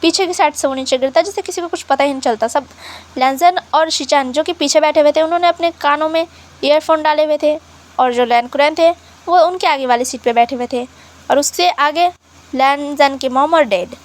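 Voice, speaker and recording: High-voiced woman narrating a fan story. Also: fairly quick. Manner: chatty retelling with English words mixed in.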